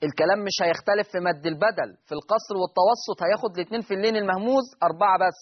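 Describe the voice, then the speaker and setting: High-voiced Egyptian teacher, muffled sound. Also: male voice, rapid-fire. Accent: Egyptian Arabic. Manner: patient, repeats key points, quizzes students. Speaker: Quran recitation teacher. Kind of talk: explaining a recitation lesson.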